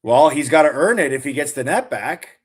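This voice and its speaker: A man's voice: on the high side, expressive, a little fast, husky. A man, a former hockey player, talking hockey with an easygoing, teasing manner. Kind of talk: casual sports chat.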